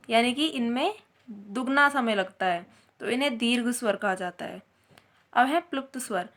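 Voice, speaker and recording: A woman's voice: a little high, a bit bright. Patient Hindi grammar teacher, woman. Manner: explains step by step, asks and answers her own questions.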